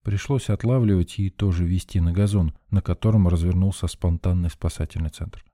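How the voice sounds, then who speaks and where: A man's voice: sits low, steady tone, fairly quick, mellow, dry recording, clean studio sound. A man reading a first-person story in a tense, urgent narrating voice. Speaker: audiobook narrator.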